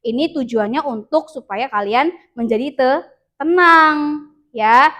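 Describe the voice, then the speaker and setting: A woman school counselor with an Indonesian accent giving a classroom lesson, patiently leading students through slow breathing and acting out what children might say. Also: high-pitched, bright, forceful tone.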